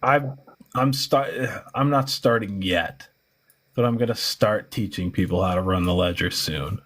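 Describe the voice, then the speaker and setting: Low-voiced man, emphatic and profane. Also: a little slow, a bit bright. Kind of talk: casual livestream chat.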